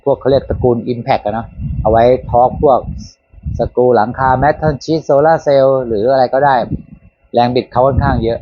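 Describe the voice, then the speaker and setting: A relaxed man chats casually while he shows off his tools, correcting himself and filling pauses as he goes. His voice sits at an ordinary middle pitch. The sound is a little dull and lo-fi. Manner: relaxed, chatty, with fillers and self-corrections. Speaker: handyman channel host. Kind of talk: casual demo talk. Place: workshop or garden.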